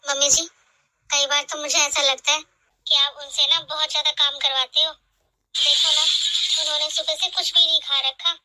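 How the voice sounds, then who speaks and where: A woman voicing a kind young daughter-in-law in an animated family drama, speaking gently and earnestly. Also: high-pitched, normal speed, very noisy, close to an everyday voice. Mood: pleading.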